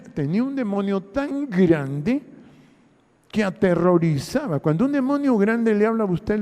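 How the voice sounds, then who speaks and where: A man's voice: a little high, dark tone, in a large hall. A man from Honduras with a Honduran accent, a pastor preaching a sermon, constantly saying "mire" and acting out Bible dialogue. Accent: Honduran Spanish.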